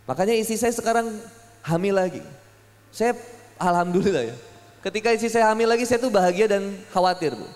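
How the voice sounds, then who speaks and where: A young man delivers a sermon in a lively, joking storytelling way. His voice sits high for a man. It rings out with a long echo through a big hall. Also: brisk, long pauses. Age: young adult. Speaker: preacher. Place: public hall gathering.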